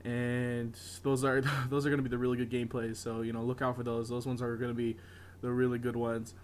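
A man's voice: mid-range voice, little pitch movement, a little fast, a little hiss or hum. A man who is sick, chatting casually and apologetically to viewers of his gaming videos, with lots of fillers.

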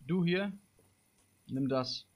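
A man live-streaming a game, chatting with viewers in street slang and giving them playful orders, breaking into loud shouts. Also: on the high side, very slow, muffled recording, slight background noise. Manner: bossy playful commands to viewers; street slang, calls people bro. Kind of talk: live-stream gameplay chat.

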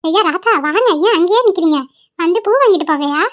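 A woman's voice: extremely high pitch, animated, quick pace, dull audio, voice pushed up. A woman voicing a kindly old grandmother who sells flowers in a cartoon, with a coaxing, folksy way of talking. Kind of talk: cartoon voice acting.

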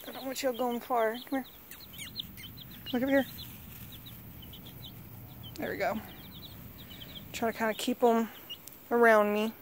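Filming herself outdoors on a handheld phone, a vlogger in her backyard calls to her pets in a sing-song way during a casual chat. Her voice is a little high and steady, unhurried with long pauses, over slight background noise.

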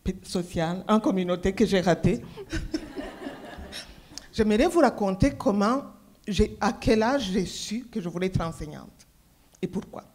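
Middle-aged woman from Rwanda, panel speaker, handheld mic; measured and reflective, mid-pitched. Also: expressive, darkish tone. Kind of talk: panel conversation. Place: conference stage.

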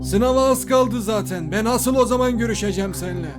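A man plays a grumpy Turkish father from a comedy animation. He blusters and scolds in a notably high voice, bossing everyone around. Faint music sits behind him. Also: a little fast.

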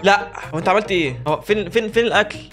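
An Egyptian Arabic-accented man narrates his own horror gameplay in a torrent of words, his voice sitting a little high. He is excitable and jokey and keeps talking back to the characters on screen, with faint music underneath. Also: rapid-fire. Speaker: gaming video host. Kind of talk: let's play commentary.

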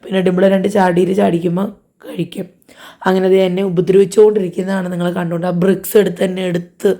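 A young woman with a hoarse voice and a blocked nose, narrating her day in a casual family vlog. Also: fairly low pitch, dark tone. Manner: chatty, rambling daily-life narration. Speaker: family vlogger.

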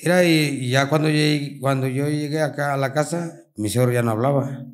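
A Mexican-accented bull rider talks through his stories in a casual interview. His speech is slangy and animated, and his voice sits at an ordinary middle pitch for a man. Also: brisk. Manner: colloquial, animated storytelling with slang.

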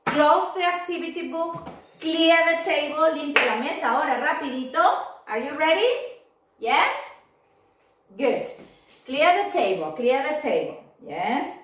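A woman teacher, giving an online English class to children, upbeat and slowly modelling words for them to repeat. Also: high voice, expressive, fairly bright tone, slight background noise. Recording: echoey room, voice far from mic.

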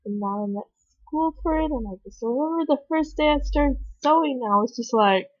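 A woman's voice: high-pitched, fairly quick, dry recording. A young woman vlogging in a casual chat, bubbly and rambling, with giggly, dramatic quoted asides. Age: young adult. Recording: dull lo-fi webcam audio.

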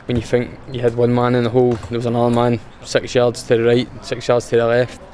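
A man's voice: medium pitch, completely flat delivery, fairly quick, a little mellow, slight background noise. A young man with a Scottish accent, a footballer giving a plain, matter-of-fact post-match interview outdoors with frequent fillers. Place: outdoors in front of a sponsor board.

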